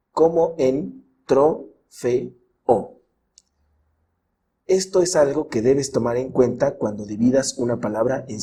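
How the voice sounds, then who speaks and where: A man gives a scripted grammar lesson in a mellow, relaxed voice. He speaks in a measured way and slows right down on each example word. A faint hiss sits under the recording. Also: mid-range voice. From Mexico. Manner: measured, stretches example words slowly. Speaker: teacher. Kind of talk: scripted educational narration.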